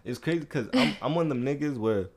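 A man hosting a podcast, chatting casually in heavy slang and telling animated stories. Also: medium pitch, fast. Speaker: podcast host. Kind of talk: casual chat.

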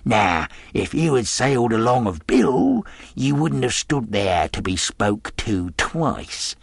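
A man's voice: medium pitch, sing-song, slow pace, gravelly, slightly rough, dry recording, studio quality, voice pushed up, full character voice. A man voicing a sinister middle-aged pirate who talks in a half-fawning, half-sneering drawl. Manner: leering, wheedling drawl.

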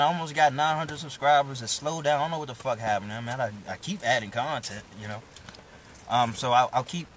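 A man's voice: mid-range voice, fairly bright tone, low-quality recording. Young male vlogger, preachy and profane, casual live-stream pep talk, mid-range voice with light noise.

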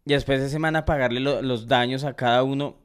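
Bogotá guy, smooth resonant voice, mid pitch, laid-back slangy storyteller. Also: a little fast. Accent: Colombian, Bogotá. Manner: relaxed storyteller who gives friendly advice, slangy. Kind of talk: casual chat, storytelling.

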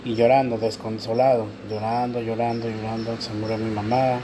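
A man's voice: fairly low pitch, flat delivery, moderate pace, noisy background. Mexican man telling a personal story. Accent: Mexican Spanish. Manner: candid, emotional storytelling with slang. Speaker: co-host. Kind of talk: casual chat.

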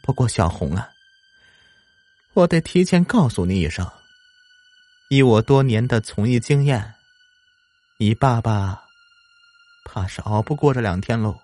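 A man voicing a gentle elderly woman doctor who soothes and lectures softly in an audio story. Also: medium pitch, animated. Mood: earnest. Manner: soft, soothing, drawn-out lecturing.

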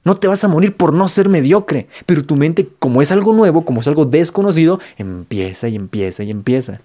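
A man's voice: a little high, animated, fairly quick, mellow. A man with a Mexican accent giving a casual motivational talk to camera, talking conversationally with slang and repeated phrases for emphasis. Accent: Mexican Spanish. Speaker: motivational vlogger.

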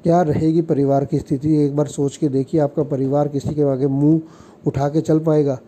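A man's voice: a little high, flat delivery, moderate pace, warm tone. A man giving earnest, lecturing relationship advice, telling example stories and acting out what people said. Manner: earnest, lecturing, acts out quoted lines.

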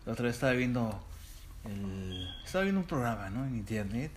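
Brief: Mexican male co-host, casual and animated, swooping intonation, loves doing regional impressions. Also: medium pitch, fairly quick, slight background noise. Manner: animated, mimics regional voices. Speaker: podcast co-host. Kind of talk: casual chat.

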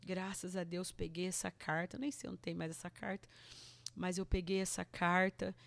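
A woman's voice: fairly low pitch, steady tone, moderate pace, vocal fry. A woman with a Brazilian Portuguese accent, a guest telling a personal testimony in earnest, emotional chat with many restarts.

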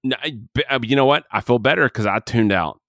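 A man's voice: medium pitch, quick pace, a bit bright, no room sound, studio quality. A man chatting casually about a movie he just watched, rambling and cutting himself off, with the hiccups. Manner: rambling, self-interrupting, candid. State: has the hiccups. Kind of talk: casual movie review chat.

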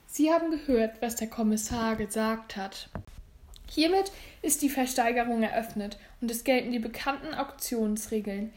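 A woman voicing a flustered middle-aged male auctioneer who calls out bids loudly and eagerly, read as a storybook. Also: a little high, moderate pace, slight background noise, natural voice. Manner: loud, eager auction calling.

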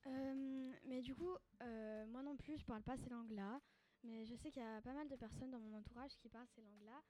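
Hesitant girl, soft and mellow. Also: a little high, steady tone, a little fast. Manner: hesitant, many fillers. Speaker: student in a class discussion. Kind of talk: casual discussion.

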